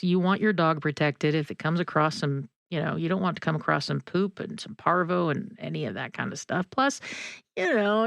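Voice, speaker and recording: A woman's voice: fairly low pitch, vocal fry, no room sound. Chatty woman host, dry close sound. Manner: chatty, laughs often, folksy asides. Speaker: podcast host. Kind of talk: casual storytelling chat.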